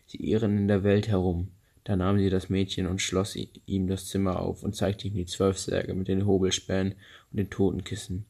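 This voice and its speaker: Man, fairy-tale narrator, steady reading, very deep voice, husky. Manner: steady, unhurried reading with small slips.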